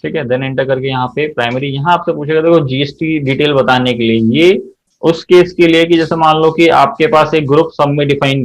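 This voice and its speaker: A man teaching an accounting software class, walking through each step and quizzing his students as he goes. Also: mid-range voice, low-quality recording. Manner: explains step by step, often checks students' answers. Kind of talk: software tutorial lesson.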